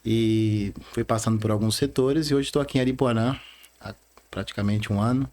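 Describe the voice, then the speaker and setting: A man in his thirties with a Rondônia Brazilian accent, a bank manager chatting as a podcast guest, earnest and halting, tagging lines with "né?". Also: fairly low pitch, steady tone, darkish tone. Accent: Rondônia Brazilian Portuguese. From Bahia, Brazil, raised in Rondônia. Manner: earnest, frequent "né?" tags, halting restarts. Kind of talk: casual interview talk.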